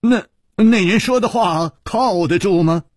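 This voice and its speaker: A composed swordsman hero answers threats with a dry, unhurried calm, as a male storyteller plays him. The husky voice stays easy and wry. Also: sits high, dry recording, pitched above the performer's own voice.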